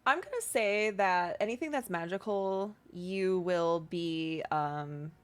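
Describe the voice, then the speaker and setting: A woman's voice: lowish voice, slow pace, smooth. A woman working as game master, casually narrating a tabletop game and chatting with players.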